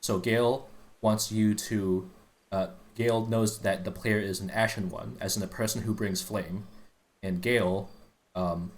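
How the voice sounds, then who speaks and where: A man talks on a live stream in a fairly low register. He is earnest and eager but rambling, circling back through fillers and half-finished phrases as he lays out a game's backstory for his friends. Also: fairly even intonation, measured pace, slight background noise. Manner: rambling, full of restarts and fillers, earnest explainer. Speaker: streamer explaining game lore to friends. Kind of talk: casual live-stream chat.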